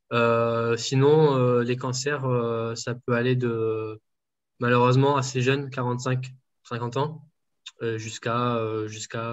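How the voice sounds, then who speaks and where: Man, dietitian interviewee, halting delivery, dull lo-fi call sound. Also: mid-range voice. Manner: hesitant, many fillers and restarts. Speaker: home enteral nutrition dietitian. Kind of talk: casual interview answers.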